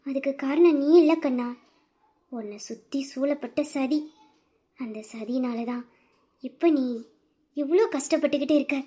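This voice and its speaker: A woman voicing a loving mother who softly consoles and reassures her crying son in an audio drama. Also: sits high. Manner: soft, soothing, reassuring. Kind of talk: Tamil audio drama acting.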